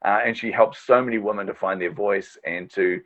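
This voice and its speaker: A man's voice: fairly low pitch, fairly quick, a bit bright. A middle-aged man, a podcast host and marketing strategist, telling stories as a guest in a casual interview, enthusiastic and chatty with frequent fillers. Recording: dull lo-fi audio.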